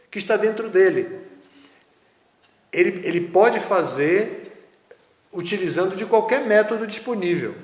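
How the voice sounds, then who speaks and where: A man giving a spiritual lecture in a measured, conversational way with casual asides. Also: a little high. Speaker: spiritual teacher. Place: lecture hall. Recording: echoey hall, roomy reverb.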